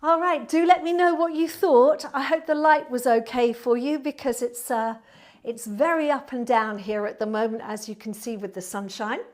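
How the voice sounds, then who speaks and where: Woman, southern English accent, slightly high voice, warm and friendly, chatty Pilates instructor, casual livestream talk. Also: fairly even intonation, moderate pace. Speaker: Pilates instructor and online class host. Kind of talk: casual livestream chat to viewers. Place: indoor studio.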